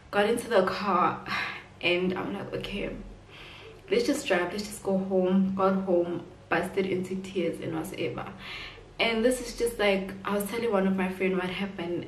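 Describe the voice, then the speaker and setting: A woman's voice: mid-range voice, far from the mic. A young woman chats through a personal story, looping back with fillers as she goes. She sits some way off the camera's own mic in a roomy space. A faint hiss stays in the background. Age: 20s. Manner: rambling, filler-heavy retelling with "like" and "whatsoever". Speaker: vlogger.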